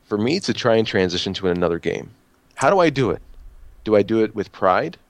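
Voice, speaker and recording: Young man, very low voice, dry sound, earnest casual talk. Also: sing-song, fairly quick, no echo. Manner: earnest, asks many questions. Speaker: podcast co-host, gaming YouTuber. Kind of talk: casual group chat.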